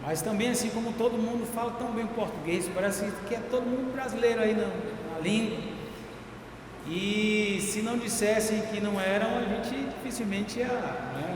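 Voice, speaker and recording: A Brazilian guest preacher with a high-sitting voice greets the church and opens his sermon with a personal story. He tells it warmly and with liveliness, turning loud and excited at the punchlines. The large church hall makes the recording echoey, with long reverb and plenty of noise.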